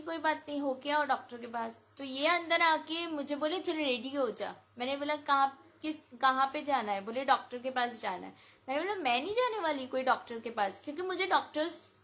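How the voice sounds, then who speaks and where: A woman from India tells her personal testimony to a devotional gathering, voice high and bright. She retells events in an emotional, animated way, voicing each exchange as she goes. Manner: emotional, animated retelling with lots of quoted dialogue. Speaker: devotee sharing a testimony at a satsang.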